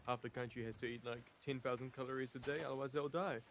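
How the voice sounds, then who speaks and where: A man's voice: medium pitch, fairly even intonation, fast talker, fairly bright tone. A man in casual gaming chat over a voice call, making dry, teasing comebacks. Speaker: gaming co-host. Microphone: computer mic on an online call. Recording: noisy call mic with clicks.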